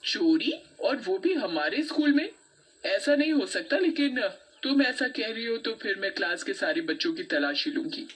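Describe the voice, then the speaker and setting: A woman's voice: fairly high pitch, sing-song, normal speed, fairly bright tone, husky, pitched above the performer's own voice, full character voice. A woman voicing a stern schoolteacher who scolds her pupils in a cartoon story.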